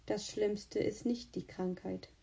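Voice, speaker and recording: A serious young boy from a storybook, musing quietly as he thinks things over, as a woman reading the tale takes his part. Her tone stays mellow and subdued. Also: medium pitch, unhurried, lightly acted.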